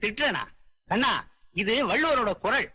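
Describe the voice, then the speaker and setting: Exasperated male lecturer, high, husky and sarcastic. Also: animated, normal speed, sharp tone, heavily acted. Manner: sarcastic, theatrical. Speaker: college lecturer. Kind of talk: 1990s comic film acting.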